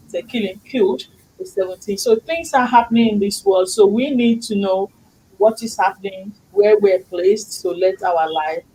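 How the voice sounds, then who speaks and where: Over poor audio, a woman's mid-range, slightly mellow voice with a breathy edge hosts a casual chat show. She is middle-aged, not a native English speaker, and talks effusively and preachily about faith.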